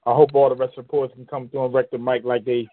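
A man's voice: medium pitch, flat delivery, fast, no echo. A man chatting casually as a guest poet, hesitant and appreciative in the way he talks. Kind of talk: casual chat. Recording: narrow phone-like line.

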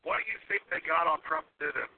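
Gravelly man on an alarmed conspiratorial rant. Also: on the high side, quick pace. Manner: alarmed, emphatic. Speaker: talk show host. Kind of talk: urgent conspiratorial political rant. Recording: tinny phone-like radio broadcast sound.

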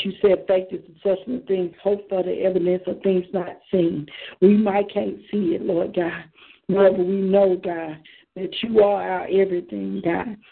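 Woman praying hard over the phone, chanting rhythm, middle-pitched voice, tinny line. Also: creaky, husky. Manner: fervent, rhythmic, repeats "Lord God" between phrases. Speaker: prayer leader on a prayer line. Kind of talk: spontaneous intercessory prayer.

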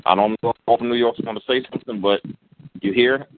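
A man casually hosting a call-in, halting and repeating his words. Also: mid-range voice, fairly even intonation. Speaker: host of a call-in show. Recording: noisy muffled phone line.

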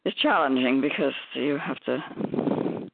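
A man's voice: mid-range voice, slow, creaky, slight background noise. A man rambling in casual chat on a group phone call. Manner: rambling, chatty. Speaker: call participant. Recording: tinny phone line.

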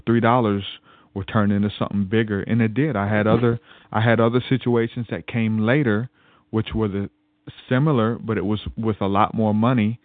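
Low-voiced man on a tinny line. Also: no room sound. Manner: rambling, repeats words and restarts often. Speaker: podcast guest. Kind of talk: casual spoken testimony.

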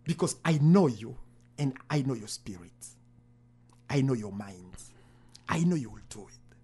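A man's voice: medium pitch, expressive, unhurried, crowd noise, voice pushed down, natural voice. A man quoting God as a solemn, commanding voice while recounting a vision. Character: God speaking, commanding and stern, male.

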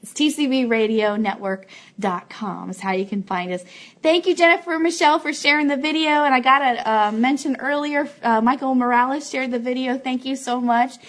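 Her voice sits high and a bit bright, moving at a moderate pace. She's a woman hosting a fan live show in an office, making casual announcements and thanking those watching.

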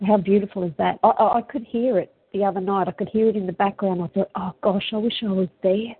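A woman's voice: medium pitch, steady tone, fast, breathy edge, dry recording. A narrow, phone-like recording carries an Australian woman in casual, heartfelt conversation. She talks in an earthy, colloquial Aussie bush manner, earnest and reflective. The sound is close and dry, with hardly any room to it. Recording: tinny phone-line sound.

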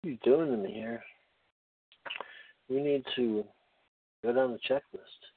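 A man rambling through a humorous casual chat, wry and halting, often cutting himself off mid-thought. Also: mid-range voice, phone-quality sound, background noise. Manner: halting, self-interrupting, wry.

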